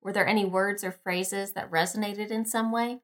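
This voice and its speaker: A woman hosting a devotional podcast, guiding meditation and reading scripture in a calm, unhurried, gently instructing way. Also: medium pitch. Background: music behind the voice.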